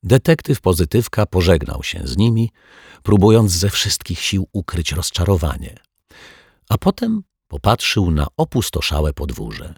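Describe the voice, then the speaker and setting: A man narrating a children's audiobook in a calm, even storytelling manner on a close mic. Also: sits low, unhurried, creaky, husky, dry recording. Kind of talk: scripted narration.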